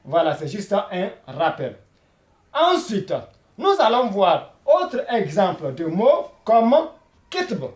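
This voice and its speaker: A man's voice: high voice, huge pitch swings, takes it slowly. A man teaching a beginner Arabic lesson, repeating each word and checking in with frequent "voilà" and "hein?". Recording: echoey room.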